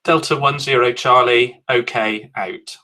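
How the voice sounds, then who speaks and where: Man, walkie-talkie radio voice, clipped call signs, bright forceful tone. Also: medium pitch, steady tone, unhurried. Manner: formal call signs, short clipped phrases. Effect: heard over a walkie-talkie. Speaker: instructor demonstrating radio procedure.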